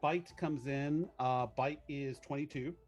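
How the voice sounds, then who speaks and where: A man's voice: mid-range voice, fairly even intonation, unhurried, soft background music. A man chatting casually as a tabletop game player, joking and muttering through his numbers.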